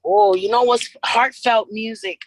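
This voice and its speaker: A young New York rapper, appearing as a guest, chats casually in an interview, telling stories with earnest animation and repeatedly restarting her sentences. Her voice is a little high and measured in pace, and the recording is rough.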